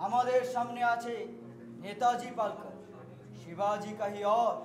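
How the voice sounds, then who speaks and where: A man's voice: high voice, unhurried. A man acting a deferential but bold soldier addressing his lord in a historical stage play, formal and theatrical. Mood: urgent. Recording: echoey stage, loud music over voice.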